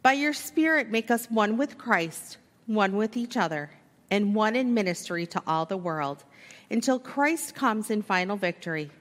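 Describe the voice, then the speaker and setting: A woman pastor reciting the communion liturgy in a formal, measured way, her voice carrying the long echo of a large church. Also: medium pitch, lively intonation, a bit bright. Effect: long echo of a large church hall. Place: church sanctuary during a service. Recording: reverberant church sanctuary.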